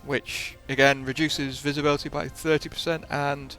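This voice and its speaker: A man's voice: a little high, flat delivery, moderate pace, sharp tone, soft background music. A man hosting a gaming video with casual commentary, often hesitating and correcting himself as he explains.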